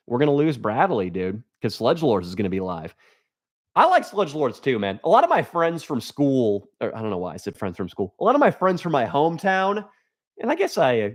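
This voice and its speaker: A young man hosting a livestream, chatting casually to viewers and reading their comments, with crude deadpan jokes and rambling asides. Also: mid-range voice. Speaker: livestream host.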